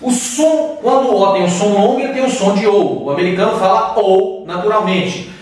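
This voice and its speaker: This English teacher from Brazil gives a laid-back pronunciation lesson in a high but darkish voice, going slowly and pausing to demonstrate sounds. The mic is far away and the room is very echoey.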